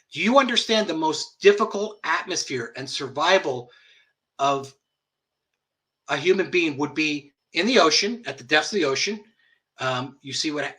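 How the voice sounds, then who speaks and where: A man's voice: fairly high pitch, bright, forceful tone. A man hosting an online commentary show, blunt and profane, chuckling mockingly as he rants. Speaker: host.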